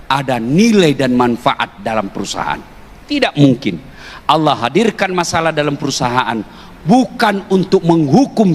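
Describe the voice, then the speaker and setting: High-voiced, bright male preacher. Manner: jokey, teasing, often rising to emphatic shouts; addresses the audience directly with questions. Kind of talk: humorous sermon to a live audience. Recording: long hall reverb with faint background noise.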